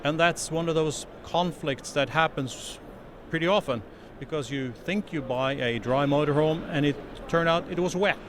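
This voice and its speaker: A middle-aged Norwegian man with a fairly high voice speaks at a moderate pace with hardly any pauses, earnestly explaining a product in a trade show interview. As a company representative at an indoor exhibition stand, he uses slightly non-native phrasing and restarts his sentences. He talks into a handheld interview mic over the noise of the trade show floor.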